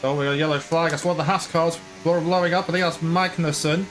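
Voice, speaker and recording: A man's voice: a little high, steady tone, fast, a bit bright, soft background music. A man casually commentating his own racing game play, chatty and rambling, sometimes slipping into mock broadcast commentary. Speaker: gaming YouTuber.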